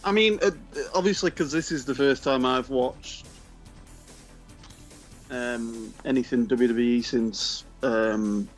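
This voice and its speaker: A man's voice: medium pitch, slow, soft background music. A British man co-hosting a podcast, talking hesitantly with many ums and a self-deprecating humor, chewing snacks as he speaks. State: eating snacks while talking. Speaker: podcast co-host. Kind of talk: casual chat.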